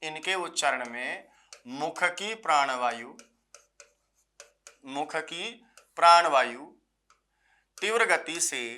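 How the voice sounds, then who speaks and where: A man teaching Sanskrit grammar for exam preparation. He repeats key phrases slowly, asks questions and answers them himself, and mixes in folksy jokes. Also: a little high, sharp tone. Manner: folksy jokes, addresses students as sir. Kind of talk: exam-prep grammar lecture.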